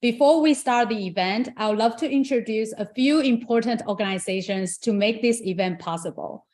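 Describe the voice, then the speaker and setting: A woman's voice: fairly high pitch, moderate pace, darkish tone. A young woman from Taiwan, moderating an online tech event in an upbeat, chatty way with casual fillers.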